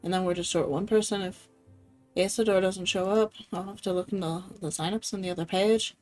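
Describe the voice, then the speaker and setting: A woman's voice: on the low side, steady tone, a little fast, a little mellow, soft background music. A woman streaming games, chatting casually, laughing often and swearing freely. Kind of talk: casual game-stream chat.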